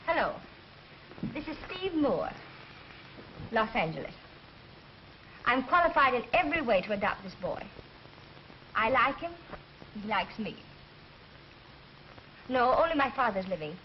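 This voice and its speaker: An actress playing a feisty, sharp-tongued single young woman in an old film. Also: fairly high pitch, big pitch swings, unhurried, long pauses. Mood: earnest. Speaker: stenographer. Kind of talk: 1940s film acting. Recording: dull old film soundtrack with hiss.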